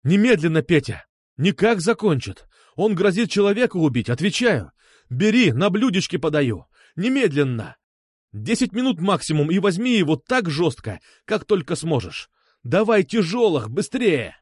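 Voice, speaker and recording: A man's voice: on the high side, sing-song, normal speed, darkish tone, no room sound, clean studio sound. A man reading an audiobook, voicing a desperate young man who gives urgent, commanding orders. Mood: urgent angry.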